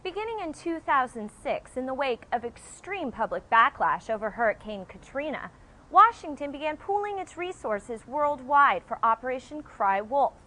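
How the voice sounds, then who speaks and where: A woman's voice: high-pitched, sing-song, normal speed, sharp tone, exaggerated voice, rough recording. A woman playing an earnest parody news anchor and reporter, narrating with mock-serious drama. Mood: earnest dramatic.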